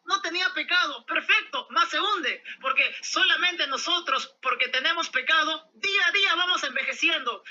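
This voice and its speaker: A man's voice: extremely high pitch, pushed and bright, muffled recording. A man arguing in an online religious debate, emphatic and declaring his points like verdicts over a video call.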